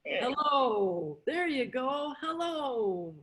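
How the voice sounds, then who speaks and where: Here a middle-aged sign language interpreter and instructor, a native English speaker, talks extremely slowly in a high, fairly bright voice with wide swings in pitch. Her informal beginner lesson moves in brief, simple steps, with repetition and check-in questions along the way.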